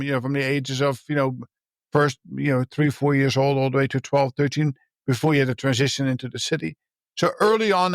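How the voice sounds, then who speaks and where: A man speaks as a podcast guest, telling his story earnestly and haltingly, often starting sentences over. His voice sits at an ordinary middle pitch. The recording is close and dry, with almost no room sound. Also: no echo. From Netherlands. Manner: earnest and halting, with frequent restarts. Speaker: podcast guest, leadership coach and mentor. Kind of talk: reflective personal storytelling in a podcast interview.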